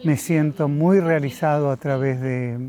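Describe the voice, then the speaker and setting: A man, speaking slowly and thoughtfully about his life, often pausing with filler sounds. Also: on the high side, fairly even intonation, music in the background. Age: 70s. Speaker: interviewee. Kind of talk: reflective personal testimony.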